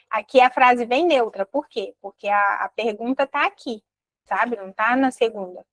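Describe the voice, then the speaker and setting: Lively Brazilian woman teaching English. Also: high-pitched, no echo, poor audio. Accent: Brazilian Portuguese. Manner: lively, explains slowly, models English words carefully. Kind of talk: online English lesson.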